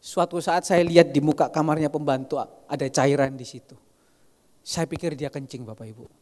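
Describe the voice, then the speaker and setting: A man preaching a sermon, telling stories in an animated way and often addressing the congregation directly. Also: fairly high pitch, normal speed. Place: large church hall. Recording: reverberant church hall.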